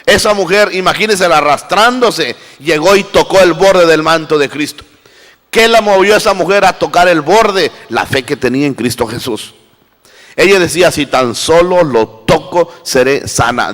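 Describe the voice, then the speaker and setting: Impassioned preacher in echoing church hall. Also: male voice, fairly high pitch, moderate pace. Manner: preaching with wide swings between loud and hushed. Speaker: pastor. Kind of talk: sermon. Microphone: handheld microphone. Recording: live church recording with long reverb.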